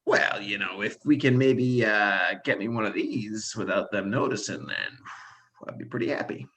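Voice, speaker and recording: A man's voice: lowish voice, normal speed, pushed and bright. A man voicing a sly, wine-loving male satyr who bargains hesitantly and keeps saying "uh". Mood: bargaining.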